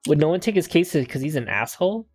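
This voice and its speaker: A man's voice: a little high, big pitch swings, quick pace, darkish tone, soft background music. A man casually commenting on a game during a live stream, joking and swearing freely.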